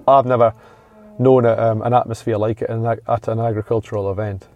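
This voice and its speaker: A man's voice: medium pitch, flat delivery, fairly quick, darkish tone, muffled recording. A man talking casually in a podcast discussion.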